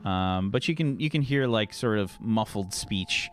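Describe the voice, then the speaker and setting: A man narrating a tabletop game as game master, casual and halting as he searches for words. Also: lowish voice, animated, a little hiss or hum.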